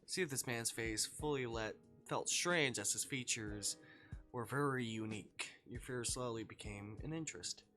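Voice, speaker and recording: A man's voice: mid-range voice, normal speed, sharp tone, soft background music. A man streaming live, reading a fan fiction story aloud in second person and breaking into playful asides.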